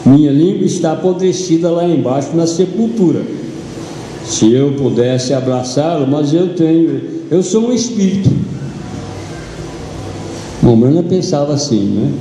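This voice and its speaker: Slow, dark-voiced Brazilian pastor preaching. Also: male voice, fairly high pitch, expressive, slight background noise. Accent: Brazilian Portuguese. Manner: slow dramatic retelling of a story in first person. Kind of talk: sermon. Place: large church hall. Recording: echoey church hall with long reverb.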